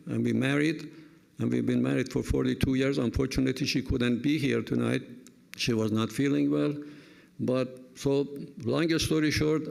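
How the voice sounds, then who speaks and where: Man in his seventies, very gravelly voice, reflective speech with light jokes. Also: medium pitch. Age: 70s. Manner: reflective, anecdotal, warm humor. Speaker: retired-age professor giving a speech. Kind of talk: personal speech at an event.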